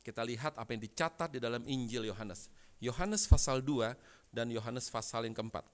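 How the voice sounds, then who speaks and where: A pastor preaching a sermon in dramatic storytelling style, dropping to quiet asides and rising to loud emphatic bursts. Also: male voice, mid-range voice, normal speed. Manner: dramatic storytelling, frequent address to listeners as brothers and sisters.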